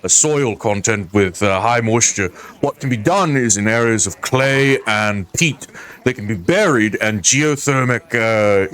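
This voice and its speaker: A man's voice: medium pitch, voice pushed down, lightly acted. A man playing a proud bog-folk mage in live fantasy role-play, speaking in a declarative, explanatory way.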